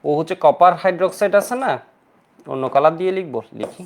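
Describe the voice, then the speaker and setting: This man teaches chemistry to students online, fast-talking in a high voice as he raises and answers his own questions, mixing in English words. Slight background noise can be heard.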